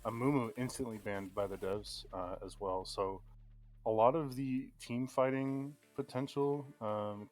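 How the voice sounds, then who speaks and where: A man with a lowish voice calls each pick of an esports draft in steady play-by-play, often pausing on an um. Faint music runs behind him. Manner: steady play-by-play, frequent ums. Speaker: play-by-play caster. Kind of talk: live esports draft commentary.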